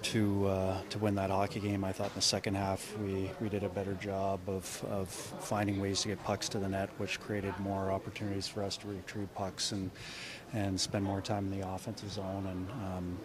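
A middle-aged man, a head coach, answering reporters after a game in a measured way, often restarting his sentences. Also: sits low, monotone, a crowd in the background. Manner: measured, frequent restarts and repeated words. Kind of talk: postgame press conference. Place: indoor media room before a sponsor backdrop. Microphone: cluster of handheld reporter mics.

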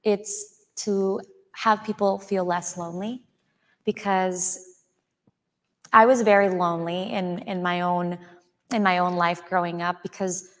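A woman's voice: on the low side, little pitch movement, measured pace. A woman in her thirties, originally from Chile, speaking earnestly as an author guest in an onstage interview before an audience. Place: auditorium stage before an audience. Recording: hall with long reverb.

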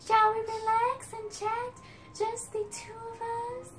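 A woman's voice: extremely high pitch, level tone, slow, over music, pitched above the performer's own voice. A woman voicing a sweet, gracious young princess, reading the game text aloud politely. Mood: gentle. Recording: roomy, distant from the mic.

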